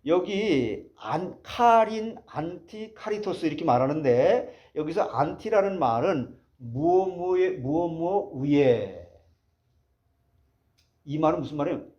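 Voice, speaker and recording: A man's voice: on the high side, expressive, a little slow, darkish tone. A man preaching a sermon as pastor, asking the congregation rhetorical questions as he explains a passage.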